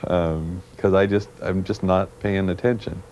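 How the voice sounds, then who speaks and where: Low dark-voiced guy from canada, halting interview talk, worn vhs tape copy, bit of hiss. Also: fairly even intonation. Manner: halting, searching for words. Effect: worn VHS tape copy with faint hiss. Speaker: programmer being interviewed.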